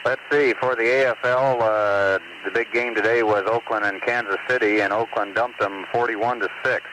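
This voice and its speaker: A man's voice: on the low side, fairly even intonation, normal speed. A man working as capsule communicator, talking casually to astronauts over a space mission radio link. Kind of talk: casual astronaut radio exchange with news and scores. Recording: noisy mission radio loop with hiss.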